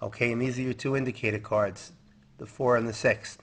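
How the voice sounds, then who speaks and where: A man's voice: mid-range voice, steady tone, brisk, fairly bright tone. A man giving card magician patter, explaining a trick step by step as an instructor, counting and posing questions as he goes.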